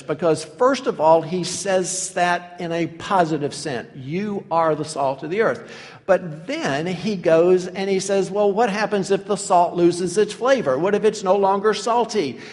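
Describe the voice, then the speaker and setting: A man's voice: high-pitched, measured pace, few pauses, long reverb tail. A man preaching a sermon, emphatic and teaching in tone, with some hesitant fillers.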